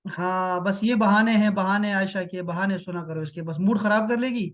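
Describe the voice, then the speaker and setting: A man teaching an Arabic reading class in Urdu, reading slowly and translating line by line, with frequent encouraging praise. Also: high voice, fairly even intonation, muffled recording.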